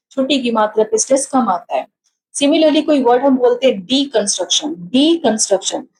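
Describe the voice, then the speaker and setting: A woman with an Indian accent leads an exam-prep lesson, her voice sitting slightly high and her overall pace slow. She reads terms deliberately and then speeds up to explain, mixing Hindi and English, and she sounds tired after hours of talking. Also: darkish tone, low-quality recording. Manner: mixes Hindi and English, slow when reading definitions, rapid when explaining. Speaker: teacher.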